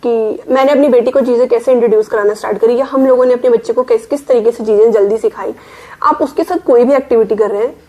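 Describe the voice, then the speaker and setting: A woman's voice: a little high, darkish tone. A young Indian working mother giving casual parenting advice, explaining step by step and mixing English words into her Hindi.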